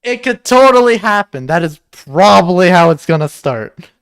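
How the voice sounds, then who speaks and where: A man co-hosting a livestream in casual chat, excitable and jokey, swearing now and then. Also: sits high, normal speed, clear, resonant tone, no room sound, clean studio sound. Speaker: stream co-host.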